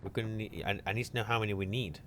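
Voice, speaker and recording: A man with a very deep voice talks casually over a co-op game, unhurried and dryly teasing. There is a faint noise floor under his voice. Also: fairly even intonation, fairly bright tone. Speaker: gaming channel host. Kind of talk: casual co-op gameplay chat.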